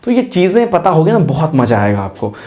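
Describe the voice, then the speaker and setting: A man teaching a casual whiteboard lesson who talks straight to his students, repeats himself to coax them along and chants memory tricks slowly, syllable by syllable. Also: fairly high pitch, very animated, a little mellow. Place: classroom with a writing board.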